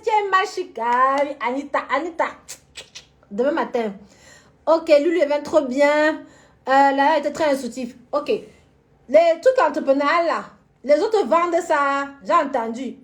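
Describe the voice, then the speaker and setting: Woman, live-stream host, slightly high voice, chatty, frank business talk, laughs a lot. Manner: chatty, lively, answers viewer comments by name. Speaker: florist and event decorator hosting a live stream. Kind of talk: casual live-stream chat with viewers.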